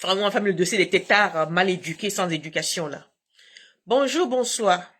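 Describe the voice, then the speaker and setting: A woman's voice: fairly low pitch, normal speed, fairly bright tone, breathy edge. A woman hosting a casual live stream from home on her phone, talking in a combative, emphatic way with frequent laughs.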